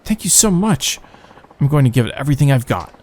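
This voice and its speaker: A man's voice: medium pitch, big pitch swings, brisk, a little mellow, pitched above the performer's own voice, natural voice. A man with a nasal, phlegmy morning voice reading the lines of an eager young man starting a business in a game. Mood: earnest. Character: earnest young male would-be company founder.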